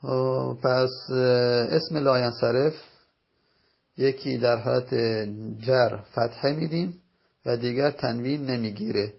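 Gravelly husky man teaching slowly. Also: medium pitch. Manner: slow, patient explaining with drawn-out repeated examples. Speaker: Arabic grammar teacher. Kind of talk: recorded lesson. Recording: dull lo-fi recording.

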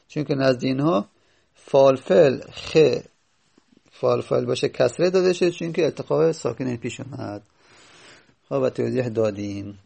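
A man teaching a grammar lesson, explaining step by step and slowly repeating each word form as he goes. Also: a little high, vocal fry, a little mellow. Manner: reads out lines of a textbook before explaining them.

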